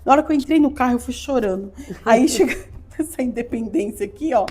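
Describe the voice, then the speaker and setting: High pitched brazilian woman, podcast guest, tells her story with lots of feeling. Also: quick pace, breathy edge. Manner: animated storyteller, acts out her own quotes. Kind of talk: emotional testimony.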